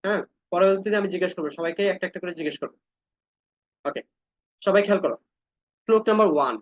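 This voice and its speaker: A man with a high voice leads an online scripture class. He chants each verse slowly, syllable by syllable, then explains it briskly and tells his students to follow along. The audio is dry and a little dull, as on an online call. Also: dry recording. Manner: addresses students directly, asks them to follow along.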